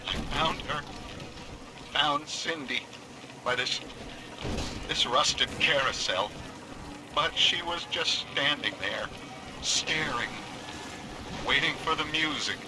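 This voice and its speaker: An actor playing a desperate father searching for his lost daughter, speaking in a halting, distraught way in a video game. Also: a little high, noisy background.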